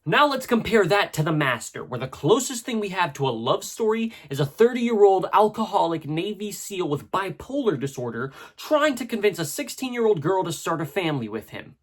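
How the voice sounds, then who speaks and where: A man with a husky voice narrating a scripted video essay in a conversational, analytical way, with casual asides. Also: high-pitched, sing-song, moderate pace, hardly any pauses.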